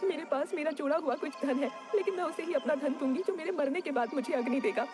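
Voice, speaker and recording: A woman's voice: high-pitched, fast, over music, voice pushed up, natural voice. A woman voicing a frail old village woman who is dying and weeping, in a cartoon story. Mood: sad, pleading. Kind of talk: cartoon dubbing.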